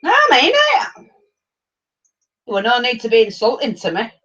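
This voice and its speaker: A middle-aged woman with an English accent chatting casually and telling anecdotes in a blunt, animated way on a livestream. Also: fairly high pitch, moderate pace. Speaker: livestream host. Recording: dull lo-fi livestream audio.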